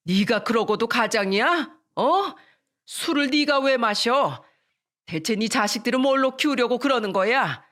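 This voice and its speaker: A fierce older mother-in-law from a storybook radio drama, put on by a woman reader. She scolds loudly and drags out her words. Her voice sits in the middle of the range. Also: medium pitch, normal speed, no echo, studio quality, lightly acted. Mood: scolding.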